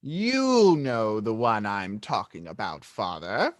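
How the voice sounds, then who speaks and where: A man's voice: fairly low pitch, huge pitch swings, slow, dry recording, studio quality, full character voice. A man reading the part of a pompous young male wizard official with a self-important, emphatic delivery, in an amateur group read-aloud.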